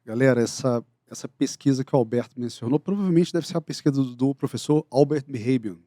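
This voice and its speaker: Emphatic oratory teacher. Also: male voice, medium pitch, fast talker, warm tone, dry recording, studio quality. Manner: emphatic, addresses listeners directly. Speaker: oratory teacher, podcast co-host. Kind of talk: casual podcast discussion.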